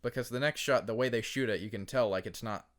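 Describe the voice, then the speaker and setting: A man's voice: mid-range voice, quick pace. A man co-hosting a podcast, retelling a monster film plot in loose, profane casual chat. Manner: swears freely, animated retelling of a film plot. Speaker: podcast co-host.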